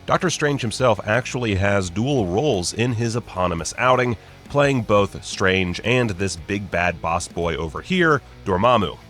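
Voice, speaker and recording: A man with a fairly low, expressive, slightly bright voice narrates a scripted list video at a measured pace, with faint music in the background. As host, he delivers wry, sarcastic, joking asides in a mock-casual way.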